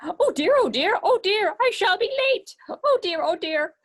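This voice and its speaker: A woman voicing a frantic male rabbit who is always late, in a puppet show. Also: expressive. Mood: panicked. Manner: fretful, squeaky and rushed.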